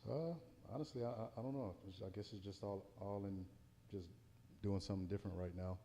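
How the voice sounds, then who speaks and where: A man's voice: low-pitched, fairly even intonation, fairly quick, warm tone, in a large hall, slight background noise. An American man, a heavyweight boxer, giving a casual pre-fight interview in a hesitant, circling way. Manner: hesitant, circling, repeats words.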